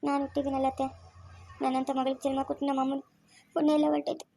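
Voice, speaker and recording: Woman playing a remorseful young wife, high and quick. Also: flat delivery, creaky, warm tone. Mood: subdued. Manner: plaintive, self-blaming. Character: remorseful young pregnant daughter-in-law.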